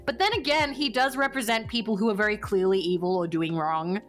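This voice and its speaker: A woman's voice: medium pitch, brisk, soft background music. A woman in her late twenties, a streamer, chatting casually and thinking aloud with lots of fillers. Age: 20s. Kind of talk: casual chat.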